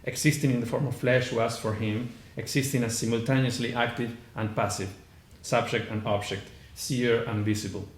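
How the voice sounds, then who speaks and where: Here a conference panelist with a heavy Argentine accent presents an academic paper, reading his lecture from notes at normal speed. His medium-pitched voice is flat and hardly pauses, yet he's hesitant, full of "uh" fillers and false starts. Faint noise sits under the echo of the conference room.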